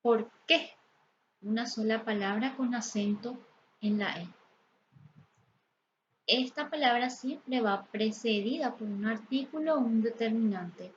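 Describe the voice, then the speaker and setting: A woman teacher explains grammar at a very slow, deliberate pace, pausing often. Her voice sits a little high. The recording is slightly dull and lo-fi, with a faint hiss behind her. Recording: slightly dull, lo-fi sound with faint background noise.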